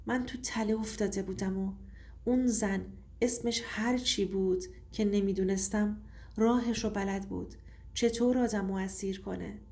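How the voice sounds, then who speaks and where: A woman's voice: mid-range voice, fairly even intonation, dark tone. Woman narrating a tense story. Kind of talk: scripted first-person story narration.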